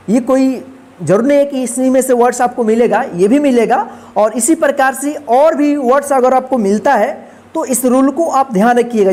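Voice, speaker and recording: A woman teacher in a phonics lesson, spelling words letter by letter and then saying them whole. She repeats each rule patiently, with a slightly high voice. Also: darkish tone. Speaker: English teacher.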